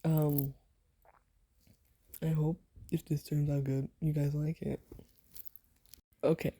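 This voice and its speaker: A woman chatting casually before an ASMR role-play, rambling and soft-spoken, sometimes slipping into a whisper. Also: low voice, little pitch movement, unhurried, husky. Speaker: ASMR voice actor.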